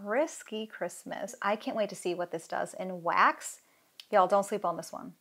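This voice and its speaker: A woman in her thirties chats excitedly at a close desk camera in a small craft room. Her talk gushes and trails through plenty of "like"s as she reacts. Her voice sits at an ordinary middle pitch. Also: moderate pace, creaky, slightly rough. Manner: excited, gushing, chatty with many "like"s. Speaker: candle maker reviewing fragrance oils. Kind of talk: casual product review. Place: indoor craft room with pegboard wall.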